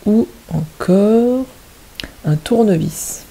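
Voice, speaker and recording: A woman's voice: medium pitch, extremely slow, gravelly, warm tone, slightly rough, low-quality recording. A woman teaching kindergarten children, patiently stressing each word and syllable. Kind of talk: teaching young children at home.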